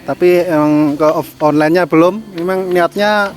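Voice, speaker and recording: A man from Ngawi, speaking earnestly and haltingly as a camp participant. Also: a little high, steady tone, faint music behind. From Ngawi, East Java. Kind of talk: casual interview answers.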